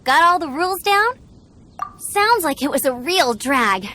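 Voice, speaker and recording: A woman's voice: sits high, very animated, measured pace, sharp tone, slight background noise, full character voice. A woman voicing a perky, bossy young female knight and examiner in a video game, peppy and emphatic. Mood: friendly. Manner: peppy, emphatic, self-important. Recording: game music behind the voice.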